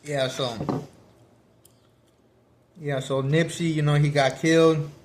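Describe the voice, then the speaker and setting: A vlogger with a fairly high, fairly even voice chats casually and slowly about a book he's reading. He rambles with lots of fillers and restarts, eating as he talks.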